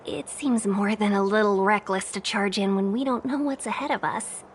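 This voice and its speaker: A woman's voice: mid-range voice, normal speed, a little hiss or hum, natural voice. An actress playing a polite, cautious female advisor in a video game, speaking carefully and persuasively. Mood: cautioning. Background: faint game music.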